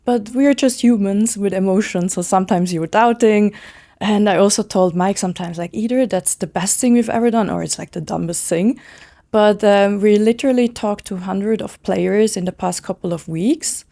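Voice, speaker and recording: A woman in her thirties from Switzerland, chatting in an interview as a founder, eager and quick with lots of casual fillers. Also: medium pitch, gravelly, mellow. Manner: fast, enthusiastic, many "like" fillers. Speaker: guest, brand founder.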